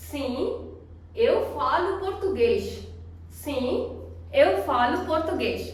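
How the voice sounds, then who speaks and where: A woman teaching a language lesson, speaking slowly and repeating each word for learners. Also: sits high, distant mic. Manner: slow, deliberate, repeats words for learners. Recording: very echoey room, off-mic.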